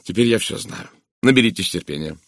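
A man reading an audiobook voicing a shrewd, precise detective who speaks soft and measured. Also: deep voice, lively intonation, creaky, no echo, heavily acted. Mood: probing. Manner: soft, measured, hushed and knowing.

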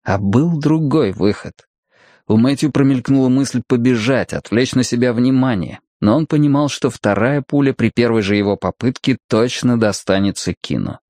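A man narrating an audiobook in a steady, even storytelling manner. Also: mid-range voice, moderate pace, dry recording. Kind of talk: scripted narration.

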